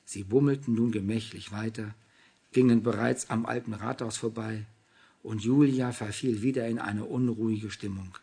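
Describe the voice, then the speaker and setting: A man narrating an audiobook in steady storytelling. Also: lowish voice, normal speed, creaky, husky.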